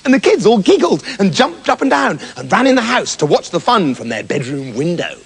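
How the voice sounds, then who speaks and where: Funny guy reading a fairy tale, gravelly voice, playful silly asides. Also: high voice, huge pitch swings, fairly quick. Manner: playful, mock-dramatic asides. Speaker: storyteller. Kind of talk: comic fairy-tale narration.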